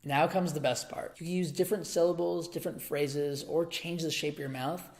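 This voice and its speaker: A man hosting an upbeat online beatbox tutorial, talking in an energetic, chatty way. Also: on the high side, fairly quick.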